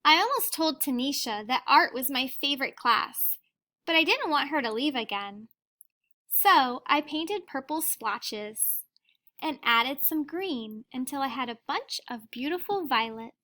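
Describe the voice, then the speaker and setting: A woman's high voice reads a children's story out loud in teacherly fashion. She takes it expressively and deliberately, addressing her young listeners in asides along the way.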